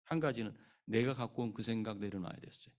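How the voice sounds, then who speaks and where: A man's voice: lowish voice, quick pace. A male pastor giving a sermon, asking the congregation questions and acting out the scripture figures. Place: church sanctuary.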